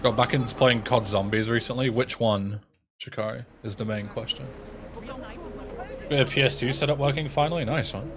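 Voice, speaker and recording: A crowd can be heard in the background as a young man from England, in his twenties, speaks at medium pitch and normal speed. A streamer and speedrunner with an English accent, he chats casually on a livestream, reading out and answering messages from viewers.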